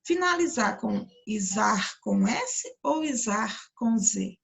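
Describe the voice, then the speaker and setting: A woman teacher with a Brazilian Portuguese accent explaining a grammar lesson, drawing out example words slowly and often checking that the listeners follow. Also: medium pitch, animated, gravelly, slightly rough. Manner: slow, stretched-out pronunciation of example words; frequent check-ins with listeners. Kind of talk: recorded classroom lesson explanation.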